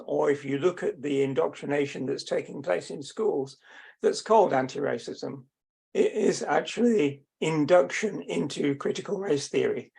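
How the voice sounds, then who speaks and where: A man hosting a book talk, briskly putting a pointed question to the author. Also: fairly high pitch, creaky, darkish tone, breathy edge. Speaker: host.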